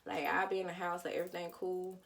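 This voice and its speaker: A young woman vlogger, telling a personal story in a candid, casual way with dark humor. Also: fairly low pitch, flat delivery, fast talker, creaky, recorded from a distance.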